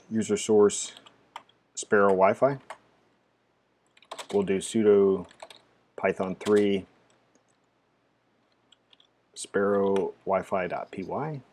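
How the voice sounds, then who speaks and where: Deep-voiced man walking through a terminal setup. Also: slight background noise. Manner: casual, many "uh" fillers, narrating each step. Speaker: tech tutorial presenter. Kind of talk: screen-recorded software walkthrough.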